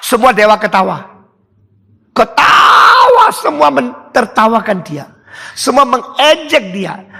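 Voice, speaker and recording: An older man delivers a sermon in a large hall, his voice ringing with long reverb. He speaks high and with a lively, swinging pitch, telling a story animatedly. Bursts of laughter and shouting punctuate his delivery. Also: breathy edge. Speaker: preacher.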